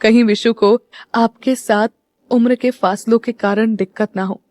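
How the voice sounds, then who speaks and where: A woman's voice: on the high side, steady tone, measured pace, a little mellow, no room sound, lightly acted. A woman narrator voicing a cheerful, playful young woman who teases her family and turns earnest about her brother. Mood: tender, resolute. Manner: bubbly and teasing, earnest when alone.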